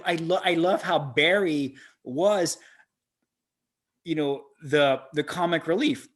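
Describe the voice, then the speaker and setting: A man co-hosting a casual movie-reaction podcast, excitable and swearing freely as he gushes over scenes. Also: fairly high pitch, slow pace. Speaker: podcast co-host.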